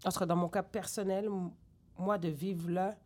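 Lively woman rapper with French accent. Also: lowish voice, normal speed. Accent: French with Québécois traces. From grew up in Senegal. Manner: animated, digressive, many fillers. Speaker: rapper guest. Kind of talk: candid interview conversation.

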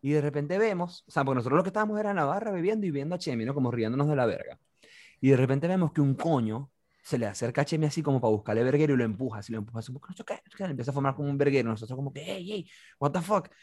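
A man's voice: medium pitch, a little mellow, no room sound. A young man with a Venezuelan accent, telling a slangy party story on a podcast and acting out the voices of the people in it. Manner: rapid, slangy, acts out quoted voices. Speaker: podcast host. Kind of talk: casual storytelling.

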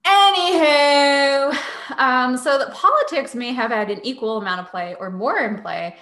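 A woman hosts a casual science podcast, explaining things in a chatty, sarcastic way. Her voice is bright and lively. The sound carries a noticeable room echo. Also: a little high, a little fast. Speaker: podcast host.

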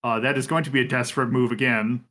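A man's voice: medium pitch, fairly even intonation, fast, a bit bright. A man running a tabletop game as game master, narrating with many fillers and restarts.

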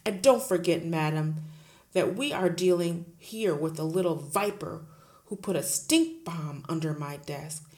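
A woman voicing a huge, bullying headmistress who shouts, barks and sneers at everyone. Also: fairly low pitch, measured pace, lightly acted. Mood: blustering. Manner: shouting, barking, scornful.

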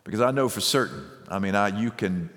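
A man preaching a sermon as pastor, measured and emphatic, with deliberate pauses and repeated phrases. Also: lowish voice, a bit bright. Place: church sanctuary. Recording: long reverb of a large hall.

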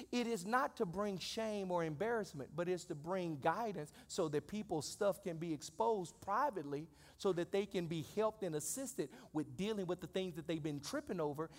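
A pastor in his forties preaching a sermon in a church. He talks conversationally and then swells into loud, high-pitched exclamations. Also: lively intonation, normal speed, hardly any pauses, long reverb tail. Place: church sanctuary.

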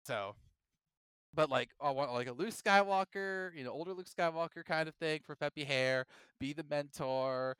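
A man co-hosting a podcast in casual chat, animated and jokey, often slipping into silly impressions. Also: on the high side, normal speed, smooth, no echo. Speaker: podcast co-host.

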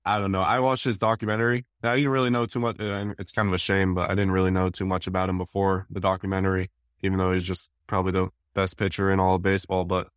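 A man's voice: sits low, flat delivery, quick pace, no echo, studio quality. A teenage man from New England, a guest on a casual podcast chat, laid-back and hesitant with frequent restarts. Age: teens. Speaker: guest, baseball prospect.

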